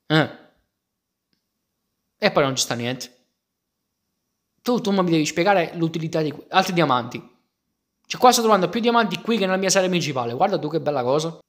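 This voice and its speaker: A young man, giving excitable, casual commentary on a Minecraft game and talking straight to his viewers. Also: fairly high pitch, moderate pace, long pauses. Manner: excitable, exclaiming, talks to viewers as "raga". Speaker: gaming youtuber.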